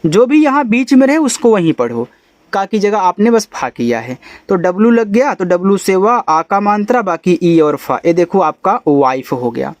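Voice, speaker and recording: A man, teaching English phonics, spelling letters out slowly and sounding words out in a chatty way. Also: high-pitched, big pitch swings, no room sound. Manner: calls the listener brother, chatty teaching. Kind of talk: phonics lesson for beginners.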